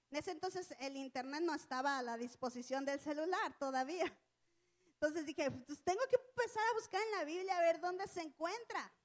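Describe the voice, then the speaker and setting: A woman giving a casual church lesson, telling a personal story in a conversational, colloquial way. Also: extremely high pitch. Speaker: church teacher.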